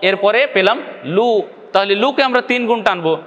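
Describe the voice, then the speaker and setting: Bangladeshi Bengali teacher, male, high voice, patient and repetitive, long reverb. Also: a little fast, fairly bright tone, muffled recording. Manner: patient, repeats each point, often asks the viewer if they follow. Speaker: Quran recitation teacher. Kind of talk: video lesson.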